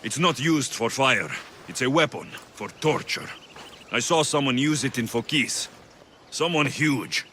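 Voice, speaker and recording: Alexios, a blunt mercenary. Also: male voice, animated, a little slow, slight background noise. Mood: grim. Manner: blunt, low and clipped. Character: gruff Spartan mercenary man, blunt and protective. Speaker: game protagonist. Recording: game cutscene with loud music. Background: music.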